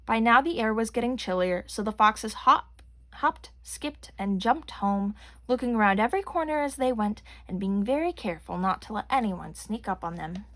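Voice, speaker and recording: A woman reading a children's story aloud with gentle, clear storytelling. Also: mid-range voice, lively intonation, moderate pace. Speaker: reader. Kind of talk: children's read-aloud narration.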